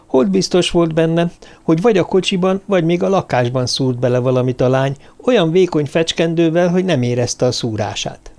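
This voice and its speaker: A man narrating a novel as an audiobook, reading in a steady, measured way. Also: a little high. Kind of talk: scripted narration.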